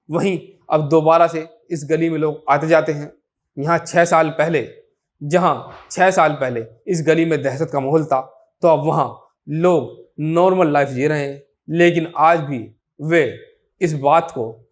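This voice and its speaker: A man narrating a true-crime story in a measured, informal way, sometimes restarting a phrase. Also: a little high.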